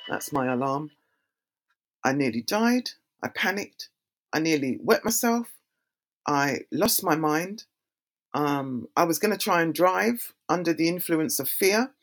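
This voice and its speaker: A woman's voice: deep voice, measured pace. A middle-aged woman, giving a talk on community and youth safety and acting out her own reactions as she tells stories. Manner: animated storyteller who acts out her own reactions. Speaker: community speaker.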